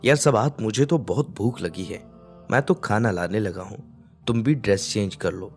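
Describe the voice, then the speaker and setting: A man's voice: on the low side, normal speed, faint music behind, lightly acted. A man voicing a young husband who grumbles but dotes on his wife. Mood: grumbling. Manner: grumbling, affectionate.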